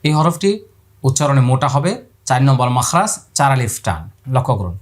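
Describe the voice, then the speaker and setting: A man's voice: medium pitch, very animated, moderate pace. A man teaching Quran pronunciation, repeating letter sounds aloud and asking viewers to watch his mouth. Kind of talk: spoken lesson on letter pronunciation.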